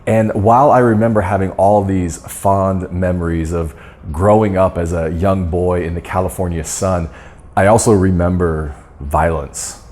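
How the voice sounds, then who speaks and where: Deep-voiced man telling a personal story. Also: darkish tone. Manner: earnest storytelling with repeated restarts. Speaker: guest speaker on dental marketing. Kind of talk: storytelling talk to course members.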